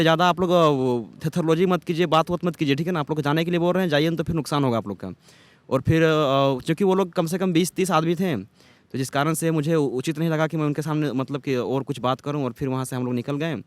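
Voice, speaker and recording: A young man, a protesting exam candidate, speaking earnestly and aggrieved in a street interview, pausing often with fillers. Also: fairly high pitch, dry recording. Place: outdoors at a protest site.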